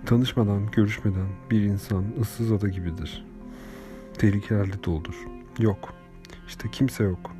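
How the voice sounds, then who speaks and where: A man narrating an audiobook in a measured, unhurried storytelling manner. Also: lowish voice, fairly even intonation. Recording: reading over clear background music.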